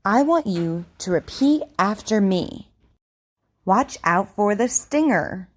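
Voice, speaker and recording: Slow, over-enunciating woman teacher. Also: mid-range voice, animated. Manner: over-enunciated, deliberate articulation; encouraging. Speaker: speech articulation teacher. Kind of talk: instructional drill, reading practice sentences for repetition.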